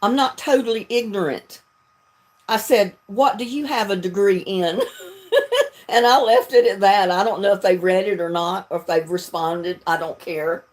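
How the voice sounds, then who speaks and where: A North Carolina video creator hosts a livestream, her Southern accent coming through in casual, folksy chatter punctuated by frequent laughter. Her medium-pitched voice has a darkish tone, fairly even intonation, and normal speed.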